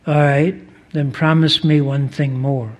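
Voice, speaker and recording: A man reading aloud the lines of a kindly, revered spiritual master who speaks gently but firmly. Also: fairly high pitch, flat delivery, measured pace. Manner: gentle, firm.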